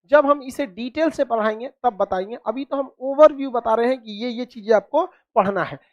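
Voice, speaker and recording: A man's voice: extremely high pitch, normal speed, no echo, dull audio. A man teaching a class, quizzing students with repeated questions and cracking jokes. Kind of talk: classroom lecture with call-and-response.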